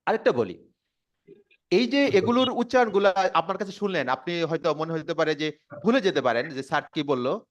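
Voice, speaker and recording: A man with a Bangladeshi accent teaching English pronunciation to a class, repeating words slowly and quizzing the students. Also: a little high, lively intonation, lo-fi sound. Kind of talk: classroom lesson. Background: students responding.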